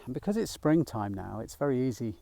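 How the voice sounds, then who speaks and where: A middle-aged man talking gently while walking outdoors, a little out of breath, rambling with fillers as he guides a mindfulness practice. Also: mid-range voice, sing-song, a little fast, vocal fry, a little hiss or hum. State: slightly out of breath. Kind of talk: casual walking vlog. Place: outdoors in a field by a small woodland.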